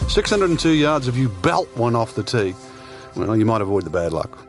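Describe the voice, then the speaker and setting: A man's voice: mid-range voice, sing-song, normal speed, music in the background. A man as a golf commentator giving chatty, explanatory colour analysis. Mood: relaxed, explanatory. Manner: conversational, explanatory.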